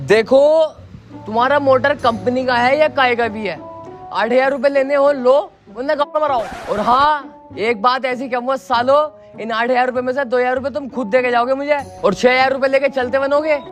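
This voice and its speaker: A man's voice: very high voice, steady tone, moderate pace, a bit bright, soft background music. A man acting in a comedy sketch, blunt and threatening.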